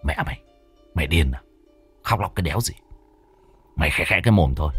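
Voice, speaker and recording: Tuất, a man doing a gruff cursing village tough. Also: very deep voice, expressive, brisk, a bit bright, faint music behind, pitched below the performer's own voice, heavily acted. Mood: gruff scolding. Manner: cursing, barking, blunt. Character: gruff hot-tempered village tough, big brother.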